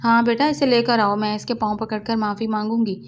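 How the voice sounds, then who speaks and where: A woman's voice: on the high side, fairly even intonation, slight background noise, natural voice. Storybook: tearful guilty older aunt, read by a woman, dull lo-fi recording. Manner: tearful, begging forgiveness. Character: guilt-stricken older aunt and mother-in-law. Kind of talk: storybook reading of a novel.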